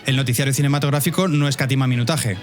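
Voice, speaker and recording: A man with a Spanish accent narrates a scripted story at a brisk clip over faint music. He is wry and speaks straight to the listener like a podcast host. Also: medium pitch, fairly even intonation. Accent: Spain. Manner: wry, addresses listeners directly. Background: faint music bed.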